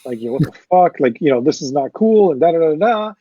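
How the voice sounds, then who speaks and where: A man's voice: fairly high pitch, a little fast, husky, dry recording, highs cut off. A man, a concert promoter, telling a long story in a casual interview, quoting people and swearing freely. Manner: animated anecdote-telling with profanity and quoted dialogue.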